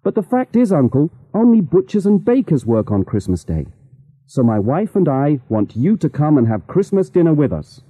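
Brief: male reader voicing a cheerful young man, mellow, lilting, a bit husky, lo-fi audio with faint music. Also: on the high side, sing-song, moderate pace, no room sound. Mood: friendly. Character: cheerful young nephew, warm and patient.

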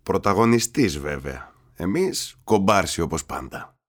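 A reader voicing a calm, reassuring father with a wry streak in an audiobook. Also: low-pitched, voice pushed down. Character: calm, dry-humoured father. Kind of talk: audiobook character voice.

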